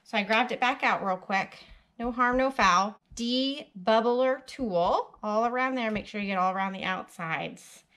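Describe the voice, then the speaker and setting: A woman's voice: fairly high pitch, measured pace, a bit bright, poor audio. A woman casually narrating a home cooking project in her kitchen, practical and chatty, thinking aloud as she works. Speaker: home cook and homesteading vlogger. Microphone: camera mounted above the stove and counter.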